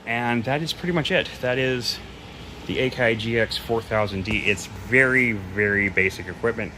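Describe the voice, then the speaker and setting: A man with a medium-pitched, sharp-toned voice talks at a normal speed while demonstrating audio equipment. His demo is casual and unscripted, loose and somewhat hesitant, and he readily admits what he doesn't know. The home recording is clearly noisy.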